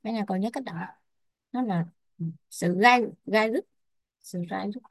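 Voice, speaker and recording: Một người phụ nữ đang giảng bài, đọc chậm từng thuật ngữ, đánh vần rồi giải nghĩa như cho học viên chép. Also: female voice, medium pitch, dry recording, clean studio sound. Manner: spells out Pali terms and glosses them slowly. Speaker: Buddhist Abhidhamma teacher. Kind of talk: slow dictation-style teaching.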